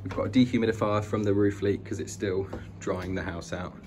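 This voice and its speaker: The speaker is a British vlogger touring an old house, talking casually and keenly as he passes between rooms. His voice sits on the low side, fairly quick and darkish, with a steady tone. It's a noisy handheld home recording indoors.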